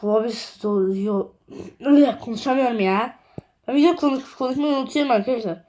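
This gaming video creator is a young woman who chats casually with viewers while building in a game, often counting blocks quietly under her breath. Her voice sits a little high and she talks briskly.

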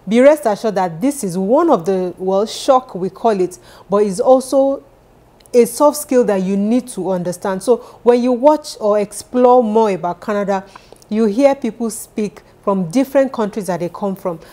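In a mid-range, dark-toned voice at a normal speed, a woman from Nigeria in her thirties offers direct-to-camera advice to immigrants from her living room sofa. She speaks with a Nigerian accent, sounding earnest and encouraging as she repeats the key points.

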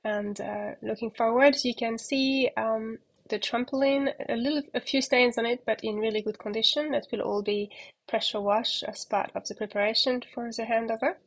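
A woman giving a relaxed, chatty walking tour of a catamaran, talking outdoors on deck into a handheld phone camera, with plenty of fillers. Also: fairly high pitch, normal speed, creaky. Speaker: yacht broker giving a boat tour.

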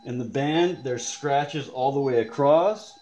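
A man walks through a show-and-tell of his watch, pointing out each detail at an unhurried pace. His voice sits at an ordinary pitch. The room adds a noticeable echo around him. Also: darkish tone. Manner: slow, deliberate, pointing things out, occasional frustrated mutters. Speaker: customer showing watch damage. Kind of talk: casual show-and-tell demonstration. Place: indoors at a desk in a room.

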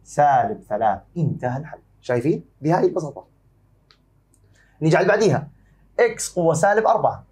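A man with a Jordanian accent teaching an exam-prep math lesson, warmly calling his students dear and asking and answering his own questions. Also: on the high side, expressive, quick pace, pauses often, husky. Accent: Jordanian Arabic.

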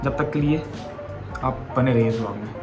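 Loud music plays under a young adult man speaking at a normal pace in a mid-range voice. He chats casually and rambles straight to his viewers in a daily vlog, filmed on a phone held at arm's length.

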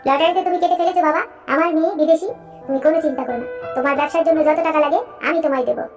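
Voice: sits high, steady tone, racing, soft background music, natural voice. A performer voicing a bossy, scornful rich father in a cartoon, mocking and commanding. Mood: kindly. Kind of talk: cartoon voice acting.

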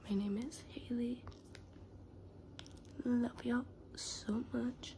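Sick with a cold, this twenty-something student speaks extremely slowly in a slightly high, steady whisper. She chats casually to her phone camera, held close, from a small room indoors at home, sounding scratchy-throated and congested.

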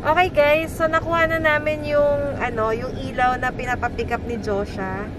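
A young woman with a Filipino accent chats and giggles to her viewers. Her voice sits a little high and comes through muffled by a face mask. She records on a phone outdoors, with loud traffic and street noise behind her. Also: level tone, normal speed. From Philippines. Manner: chatty, giggly, talking to viewers. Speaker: vlogger. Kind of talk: casual vlog narration. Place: outdoors in city streets and a car.

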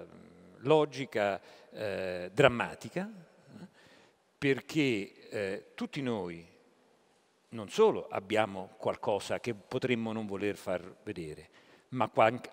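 A man speaking as a journalist on a public panel, pausing often with "eh" fillers between phrases. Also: lowish voice, creaky. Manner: halting, with many "eh" fillers. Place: hall at a live public event. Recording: long reverb of a conference hall.

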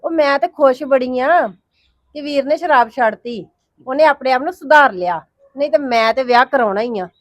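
A woman's voice: high voice, moderate pace, dry recording, close to an everyday voice. An actress playing a wronged woman who answers her family's taunts with bitter resignation, speaking. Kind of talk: Punjabi family drama acting.

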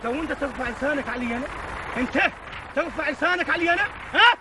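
A man's voice: very high voice, fast talker, background noise. An actor playing a defiant young man who talks back to his family, speaking in a TV drama. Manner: boastful, insolent. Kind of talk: TV drama acting. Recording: drama audio with music underneath.

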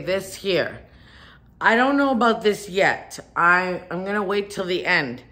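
This woman, a home decor vlogger, talks casually and muses aloud while demonstrating some decorating indoors in her furnished living room. Her voice is on the low side with a fairly bright tone.

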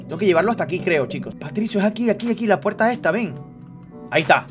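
A young man giving excited gameplay commentary, shouting when startled. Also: high-pitched, fast. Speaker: gamer streamer. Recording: voice over game music.

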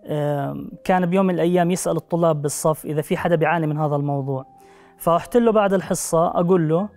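Fast-talking young man who can't pronounce his r. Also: on the high side, darkish tone, soft background music. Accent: Levantine Arabic. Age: young adult. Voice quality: speech impediment on the r sound. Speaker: guest. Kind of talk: personal interview. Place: TV studio. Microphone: lapel.

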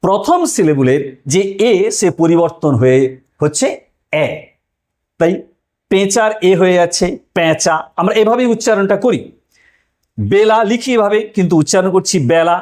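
A man with a notably high voice explains a language lesson step by step. He repeats each example, asks rhetorical questions and answers them himself, in the careful way of a classroom teacher. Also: fairly quick, a little mellow. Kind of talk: explanatory lecture.

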